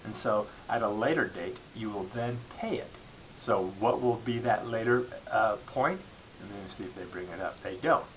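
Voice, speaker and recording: A man giving an explanatory lecture as a college instructor, halting and restarting phrases as he goes. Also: fairly low pitch, fairly bright tone, muffled recording. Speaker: accounting lecturer. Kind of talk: classroom-style lecture. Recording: clearly audible background hiss.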